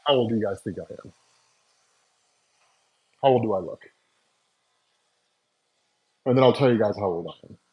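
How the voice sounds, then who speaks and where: A lowish-voiced man in his forties, host of a comics channel, talks with live-stream viewers at a moderate pace broken by long pauses, and the highs in the audio are cut off. He's at home making coffee, chatting loosely with many fillers and laughs through wireless earbuds.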